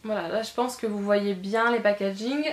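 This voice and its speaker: A woman's voice: mid-range voice, fairly even intonation, moderate pace, roomy sound. A woman beauty vlogger chatting casually through a shopping haul, gushing and repeating words for emphasis, with frequent hesitations. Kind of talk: casual haul video chat.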